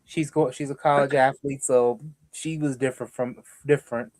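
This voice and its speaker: A man's voice: medium pitch, fairly even intonation, moderate pace, darkish tone. A man co-hosting a podcast, talking in easygoing casual chat.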